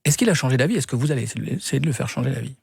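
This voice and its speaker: A man hosting a radio interview, asking brisk questions. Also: medium pitch, expressive, gravelly, husky, dry recording, clean studio sound. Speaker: radio host. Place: radio studio.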